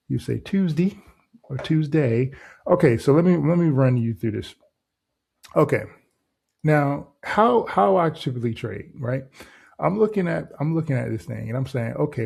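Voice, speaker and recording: A man hosting a trading channel, walking through a chart in a loose, casual way and tossing in "right?" and "boom" between steps. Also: vocal fry, a little mellow, breathy edge. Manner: loose and conversational, heavy on filler words like "right?" and "boom". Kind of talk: casual screen-share trading walkthrough.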